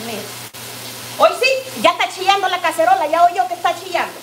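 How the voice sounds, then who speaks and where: A high-pitched woman with a Guatemalan Spanish accent talks viewers through her cooking in a home kitchen, chatty and affectionate, forever saying "look." The room is echoey, with a pan sizzling and frying noise behind her. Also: lively intonation, fairly quick, fairly bright tone. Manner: homey and chatty, constantly says "mire" and calls viewers "mamayita". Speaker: cooking vlogger.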